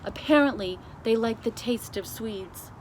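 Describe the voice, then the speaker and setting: A woman reader puts on a storybook queen, brisk and imperious. She speaks emphatically and deliberately, unflappable and used to being obeyed, over light background noise. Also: a little high, natural voice, low-quality recording. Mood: brisk, resolute.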